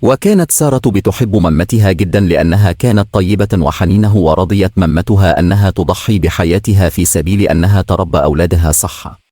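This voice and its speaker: Low-voiced Egyptian storyteller. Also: male voice, quick pace, few pauses, dark tone, husky, no echo, clean studio sound. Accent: Egyptian Arabic. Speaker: story reader. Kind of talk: storybook narration.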